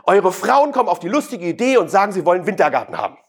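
A man's voice: high voice, very animated, rapid-fire, husky. A man giving a live sales talk, questioning the audience and provoking them. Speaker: sales speaker.

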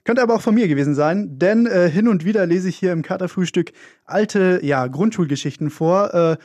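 A man's voice: high-pitched, a little fast, darkish tone, no room sound. A young man co-hosting a casual radio show, talking with many fillers and a wry, self-mocking manner. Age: young adult. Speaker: radio co-host.

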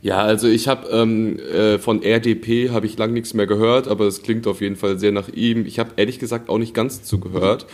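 A man's voice: on the low side, fairly even intonation, brisk, few pauses. A man co-hosting a casual morning show, talking in a hesitant, rambling way. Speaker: co-host.

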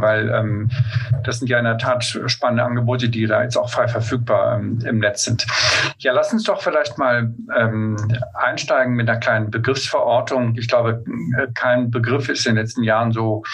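Husky host asking questions on a call. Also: male voice, medium pitch, fairly bright tone, low-quality recording. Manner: friendly, searching phrasing with fillers. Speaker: podcast host. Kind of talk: video call interview. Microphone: video call.

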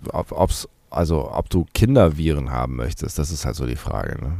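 A man hosting a podcast in casual chat, congested from a cold with a blocked nose and sore throat, talking haltingly with stammered restarts. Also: extremely low pitch, expressive, vocal fry, mellow, dry recording. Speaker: podcast host.

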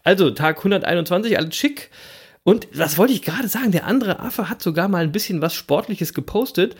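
Lively, playful man in his thirties. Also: high voice, a little fast, breathy edge. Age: 30s. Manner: playful, teasing, laughs often. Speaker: podcast co-host. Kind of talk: casual chat.

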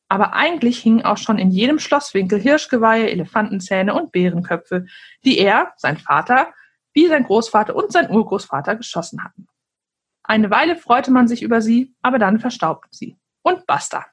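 A woman reading a children's book aloud with lively asides to listeners, then chatting casually about it. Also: fairly high pitch, breathy edge.

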